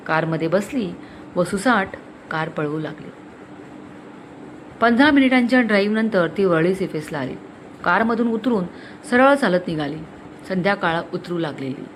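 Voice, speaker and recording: A woman's voice: mid-range voice, slight background noise. Woman narrating a dramatic story. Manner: dramatic, expressive reading.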